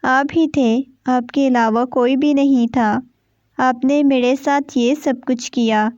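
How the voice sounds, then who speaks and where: A woman's voice: sits high, fairly even intonation, a little mellow, dry recording, lightly acted. A woman voicing a frightened, tearful young wife in a storybook reading. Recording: dull, dry lo-fi recording.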